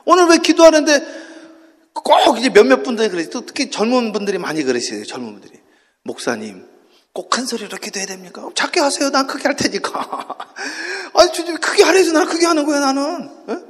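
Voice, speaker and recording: A man preaching an early-morning sermon, swinging from hushed talk to shouting and leading the congregation in call-and-response. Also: extremely high pitch, expressive, fairly quick. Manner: impassioned, shifts from hushed to shouting. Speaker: pastor. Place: church sanctuary. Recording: long church hall reverb.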